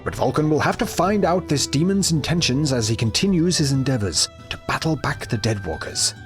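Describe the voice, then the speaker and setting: Animated, sarcastic male narrator. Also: on the high side, brisk, faint music behind. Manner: sarcastic, mocking. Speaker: video game reviewer, narrator. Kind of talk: comic scripted narration.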